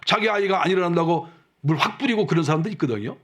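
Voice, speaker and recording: A male pastor preaching a sermon in a conversational way, full of rhetorical questions, and dropping his voice low and soft when he acts out quoted speech. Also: animated, fast talker. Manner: acts out quotes softly and lower.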